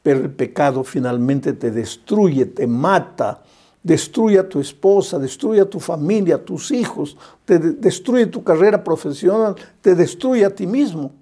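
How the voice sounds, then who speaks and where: A male pastor delivers an impassioned sermon and hammers his points home through repetition. His voice sits high for a man, yet it sounds warm and mellow. He speaks straight to the listener with affection. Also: lively intonation, measured pace. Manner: impassioned, repetitive preaching cadence; addresses listener directly and fondly. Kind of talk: evangelistic sermon.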